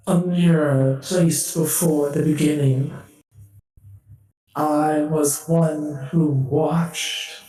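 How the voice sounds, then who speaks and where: An ancient ghostly ship beacon speaks through a warping, morphing voice changer, very slow and measured, each cryptic line drawn out. Its tone is dark and muffled, and it sits far off in a cavernous echo. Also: male voice, on the high side, voice pushed up. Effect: distorted morphing voice changer. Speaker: game master. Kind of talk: voicing a character in a tabletop game. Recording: heavy echo, distant, faint music behind.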